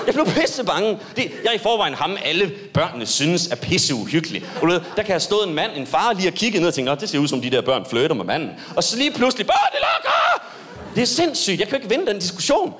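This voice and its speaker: A young man doing a stand-up comedy set on stage, telling a story with animated delivery and sudden high yelps.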